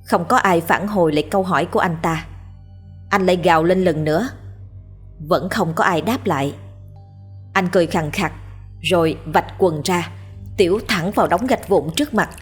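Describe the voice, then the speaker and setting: A woman narrating a ghost story in a steady, measured way. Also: on the low side, breathy edge. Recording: faint background music.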